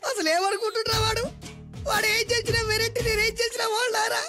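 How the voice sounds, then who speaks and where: Gangster, high voice, all bluster then sniffly whining. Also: male voice, animated, a little fast, over music. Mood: whiny, tearful. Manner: blustering threats, then whiny sobbing. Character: blindfolded boastful male gangster who keeps crying.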